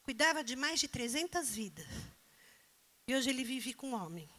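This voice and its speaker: A woman's voice: high-pitched, very animated, normal speed, fairly bright tone. A woman preacher delivering a sermon, pressing the congregation with emphatic rhetorical questions.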